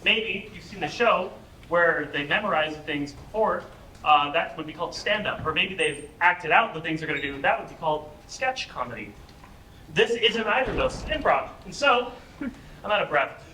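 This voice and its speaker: A man's voice: on the high side, animated, normal speed. A young man hosting an improv comedy show, energetically joking with and hyping the live audience. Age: young adult. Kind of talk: live stage emcee warm-up. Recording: echoey room, far mic, loud crowd noise.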